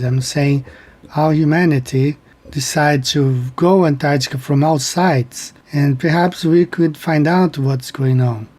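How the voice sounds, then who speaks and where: A man with a mellow, dark-toned voice hosts his own channel. He speaks in a rambling, conversational way, with phrases trailing and restarting. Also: a little high. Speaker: channel host. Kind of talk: casual commentary.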